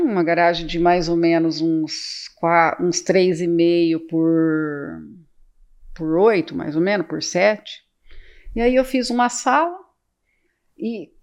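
A woman's voice: fairly low pitch, darkish tone, clear, resonant tone. A woman in her late fifties with a Brazilian accent from the São Paulo interior, a business owner telling her story as a podcast guest, chatty and repeating words as she acts out old conversations. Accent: Brazilian Portuguese, São Paulo interior. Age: 50s. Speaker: real estate agency owner, podcast guest.

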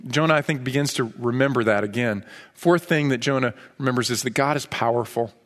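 A man's voice: medium pitch, brisk, fairly bright tone, big-room sound. A man preaching a sermon as pastor, emphatic and driving points home by repeating key phrases. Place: church sanctuary.

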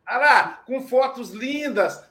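A chatty Brazilian man hosts a casual live show. His voice sits noticeably high, and he talks in a lively way, slipping into little acted-out quotes and bits of dialogue. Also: slow. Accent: Brazilian Portuguese. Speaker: host.

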